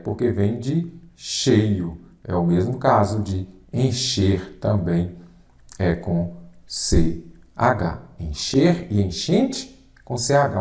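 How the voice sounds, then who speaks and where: Brazilian guy teaching grammar for an exam, lowish voice, pushy rhetorical questions, roomy echo. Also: a little mellow. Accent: Brazilian Portuguese. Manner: emphatic, drills students with rhetorical questions and "anote". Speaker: Portuguese teacher. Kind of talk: exam-prep lesson at a board.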